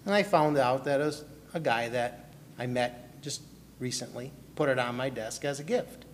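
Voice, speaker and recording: A man from Milwaukee, a pastor, shares a personal testimony in his sermon, putting questions to listeners and naming individuals among them. His voice is medium-pitched at a normal speed. A little hiss or hum accompanies the long reverb of the hall.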